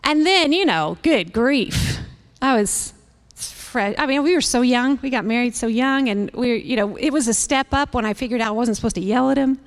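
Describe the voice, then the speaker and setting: A woman in her fifties gives a candid, animated devotional talk and often laughs. Her voice sits a little high. A long reverb trails behind her words. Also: normal speed. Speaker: women's ministry host.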